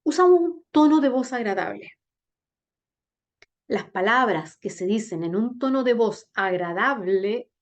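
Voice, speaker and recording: A woman teacher giving a class on public speaking, talking straight to her students and checking in with "¿bien?", with big swings in pitch and slow, sung-out demonstrations. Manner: addresses students directly with frequent "¿bien?" check-ins. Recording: dull lo-fi recording.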